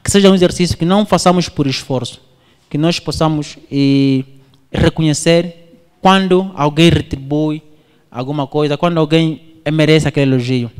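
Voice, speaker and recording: A man from Angola preaches a sermon through animated storytelling, his voice swinging high and low. He sounds smooth at a moderate pace, and the recording has a long hall reverb.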